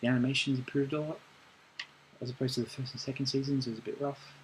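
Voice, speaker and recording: A man doing an ASMR role-play as a librarian, chatting gently and recommending things in an unhurried way. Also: medium pitch, flat delivery, a little hiss or hum, rough recording. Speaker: ASMR performer playing a librarian.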